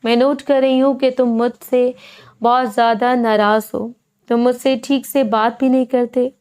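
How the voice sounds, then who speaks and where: Woman reading as a soft-spoken caring aunt. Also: on the high side, fairly even intonation, smooth, lightly acted. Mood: tender.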